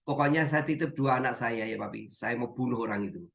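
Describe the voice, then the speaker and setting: A man voicing a desperate grown man at his breaking point, talking in a low, quiet, weary plea. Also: brisk, vocal fry, dull audio.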